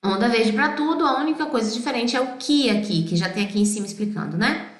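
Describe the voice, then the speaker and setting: A Brazilian woman with a Brazilian Portuguese accent teaching Italian pronunciation, singing song lines slowly and explaining in quick bursts. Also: fairly high pitch, expressive, echoey room. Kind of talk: pronunciation lesson.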